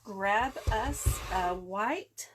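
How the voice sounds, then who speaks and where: A congested woman leads an easygoing craft tutorial, narrating every step in a chatty way. She takes her time, speaking at an unhurried, drawn-out pace. Her voice sits at an ordinary middle pitch, with faint clicks in the background. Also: background noise. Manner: chatty, unhurried, talks through each step. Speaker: card-making demonstrator.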